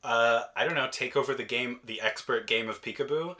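A man's voice: mid-range voice, fairly quick, pushed and bright. A man telling a comic grievance story to friends on a podcast with dry, sardonic, mock-courtroom timing.

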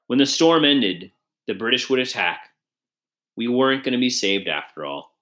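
A man reading a first-person story aloud in an earnest, measured way. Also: mid-range voice, expressive, sharp tone. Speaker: audiobook reader.

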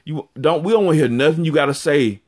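A man co-hosting a podcast in casual chat, ranting in animated bursts. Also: a little high, quick pace. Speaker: podcast co-host.

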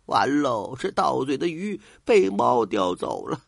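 A man voicing a greedy, scheming male official with a hot temper who turns shrill in anger. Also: wildly swooping pitch, a little slow, vocal fry, dry recording, clean studio sound, exaggerated voice. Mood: dejected.

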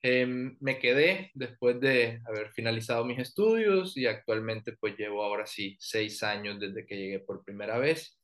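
Orthodontist guest, man, Colombian coastal accent, easygoing, halting delivery, mid pitch. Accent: Colombian Caribbean coast. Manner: relaxed, frequent fillers and restarts. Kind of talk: professional interview and presentation.

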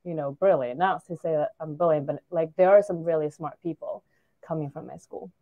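Over phone-quality sound with no echo, a deep-voiced Chinese woman in her forties speaks a little fast. As a startup founder being interviewed casually, she thinks aloud, leaning heavily on fillers and restarts.

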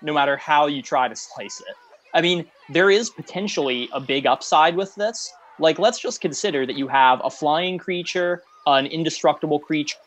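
A man's voice: fairly high pitch, a bit bright. A man co-hosting a casual chat about game cards, blunt and sarcastic with frequent laughs. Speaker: co-host reviewing cards.

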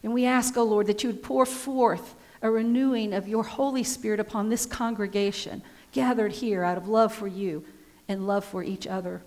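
A woman pastor leading a communion liturgy in a solemn, measured way, her voice ringing with a cathedral echo in a church sanctuary. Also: mid-range voice, fairly even intonation, a little mellow. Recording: long church reverb.

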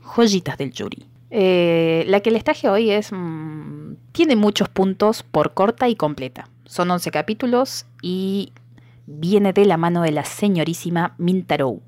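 Argentine woman podcast co-host, low-ish voice, dry close sound, joking and animated. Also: a little slow, no room sound. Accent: Argentine Spanish. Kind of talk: casual chat.

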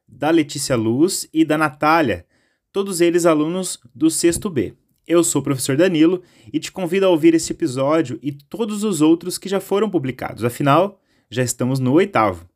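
Man teacher introducing the episode. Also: on the high side. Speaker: teacher and host. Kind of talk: show introduction.

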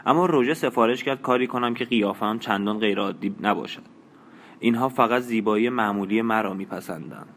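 A proud, ambitious young actress from a spoken novel speaks sharply and impatiently, as a male narrator puts her on. Her tone sits somewhat low and cool. There is a faint noise under the voice. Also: fairly bright tone.

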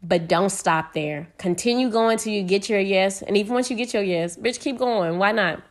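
A woman's voice: mid-range voice, normal speed. Chatty profane American woman podcaster. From United States. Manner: frank, profane, chatty and energetic. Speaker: podcast host. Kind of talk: casual solo podcast monologue.

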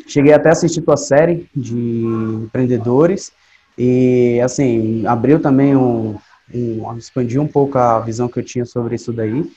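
Mellow young Brazilian man, dull lo-fi recording. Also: mid-range voice, measured pace. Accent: Brazilian Portuguese. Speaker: podcast guest, DevOps specialist. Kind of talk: casual interview chat. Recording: dull lo-fi sound, faint noise.

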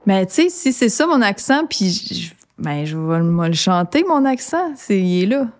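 A young adult woman with a Québécois French accent, a singer-songwriter talking in a casual interview, reflective and halting with frequent restarts. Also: medium pitch, big pitch swings, darkish tone. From Quebec.

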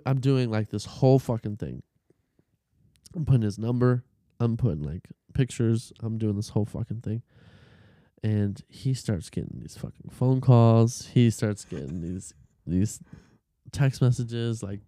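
A man's voice: mid-range voice, unhurried, dark tone, no echo, clean studio sound. A man on a casual podcast, telling a long story with profanity, fillers and restarts. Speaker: podcast co-host.

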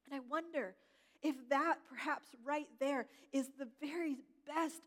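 A middle-aged woman pastor preaching a sermon, gentle and reflective, slowing down to stress key words. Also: high-pitched, fairly even intonation. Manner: gentle, reflective, slows for emphasis. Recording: long hall reverb.

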